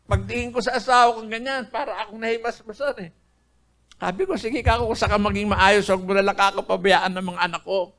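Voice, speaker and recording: High gravelly older man giving testimony. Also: fairly even intonation, brisk, fairly bright tone. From Philippines. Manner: earnest storytelling, addressing listeners as brethren. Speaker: testimony speaker. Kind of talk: personal faith testimony.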